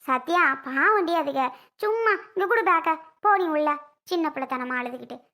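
A performer voicing a weary grandmother who scolds and calms the family, in a family skit. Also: high voice, moderate pace, full character voice. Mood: chiding. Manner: chiding and weary.

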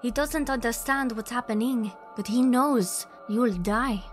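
A woman voicing a calm, solemn young village woman who speaks with a warning tone. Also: on the high side, unhurried, faint music behind, pitched above the performer's own voice, lightly acted.

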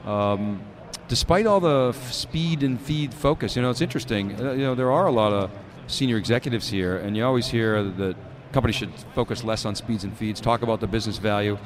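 Behind the handheld stand mic in a conference booth sits a middle-aged man, a tech show co-host whose low voice runs fairly quick with hardly any pauses. His live event commentary is analytical but packed with fillers, and crowd noise bustles in the background.

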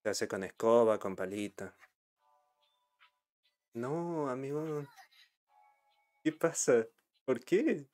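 A man's voice: mid-range voice, lively intonation, takes it slowly, pauses often, a little mellow, faint music behind. A man, casually reacting to anime as an amused fan, in short bursts into a desk microphone. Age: 20s. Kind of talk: casual live reaction commentary. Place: small home streaming room. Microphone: desk microphone close in front.

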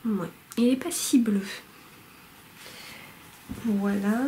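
A knitting vlogger presents her latest yarn finds in a casual show-and-tell filmed in a window-lit room at home. She's chatty yet hesitant, with many fillers and restarts, and her medium-pitched voice is mellow. The recording is rough, with a little hiss or hum.

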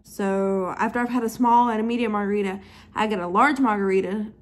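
A woman's voice: mid-range voice, fairly quick. Giggly, tipsy young woman vlogger. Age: 20s. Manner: giggly, tipsy drunk rambling; animated, sassy, slangy. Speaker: makeup vlogger. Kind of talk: casual chatty makeup tutorial. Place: living room at home, high ceiling.

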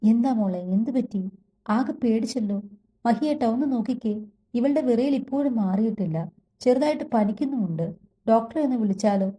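A woman's voice: fairly high pitch, expressive, moderate pace, warm tone, lightly acted, low-quality recording. A woman voicing an anxious middle-aged mother figure who asks worried questions in a slightly raised, fussing voice.

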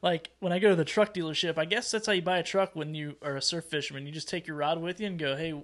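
A young man co-hosting a video-call show, joking excitedly and saying "dude" a lot. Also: fairly high pitch, quick pace. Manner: excitable, jokey, says "dude". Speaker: co-host. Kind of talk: casual video-call interview.

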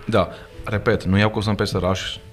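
With a lowish voice and flat delivery, a pastor with a Romanian accent speaks as a guest in a studio podcast conversation. He is earnest and emphatic, preaching as he talks and quoting scripture.

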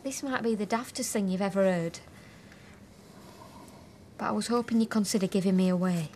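A woman with a Northern English accent playing a warm, sincere young bride-to-be in a TV soap. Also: mid-range voice, normal speed, slight background noise, close to an everyday voice. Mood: sincere, affectionate. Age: young adult. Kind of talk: naturalistic TV soap acting.

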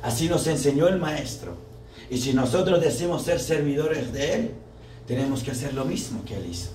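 A young man delivers a fervent sermon to a parish group in a church hall, peppering the congregation with rhetorical questions. His medium-pitched voice is animated and somewhat dark, at a moderate pace. The distant mic picks up echo and faint background noise.

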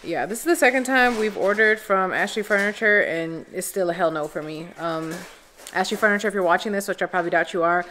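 A young woman chatting casually to her viewers in a home vlog, expressive and talkative. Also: medium pitch, fast talker, slight background noise. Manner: chatty and expressive, talks straight to viewers as "y'all". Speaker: vlogger. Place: at home, indoors.

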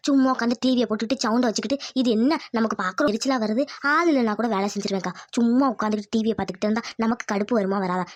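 A woman's voice: a little high, natural voice. A woman playing a frustrated young village wife who complains in an exasperated way.

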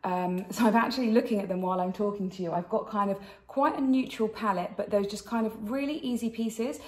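A British woman chats to camera as a fashion vlog host. Wearing retainers slightly affects how she forms her words. Her voice sits at a middling pitch, with the noticeable echo of a kitchen around it. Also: a little fast. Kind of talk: chatty styling vlog. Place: indoors in a kitchen.

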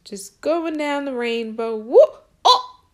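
Young woman doing excited game commentary, gasps and squeals, really high and swoopy. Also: measured pace. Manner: squealing and gasping, coaxing the game aloud. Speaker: gaming channel host.

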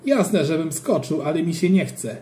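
A reader putting on a touchy, bragging schoolboy who snaps back in a high, indignant voice. His tone stays dark and mellow while the pitch jumps around. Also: big pitch swings, normal speed, a little hiss or hum, lightly acted. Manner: indignant, shouting. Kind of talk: audiobook character voice.

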